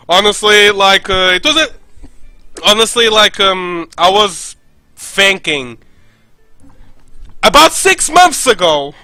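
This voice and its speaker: A young man talking casually on his stream like a podcast host. He rambles, restarts his sentences and fills gaps with "um" and "like." His voice sits high and bright, with a dry, close desk-mic sound. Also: no room sound, poor audio. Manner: rambling, with many fillers and restarts.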